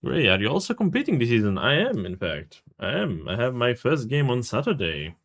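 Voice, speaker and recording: A man's voice: mid-range voice, huge pitch swings, brisk, fairly bright tone. A man from Serbia, casually commentating a live game stream, greeting chat and swearing freely.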